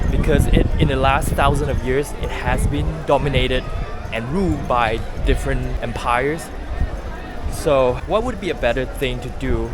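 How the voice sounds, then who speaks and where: A man from Malaysia with a Malaysian English accent, narrating a travel vlog as he walks around a busy temple site, explaining eagerly like a tour guide. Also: medium pitch. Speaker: travel vlogger. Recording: loud music over outdoor sound.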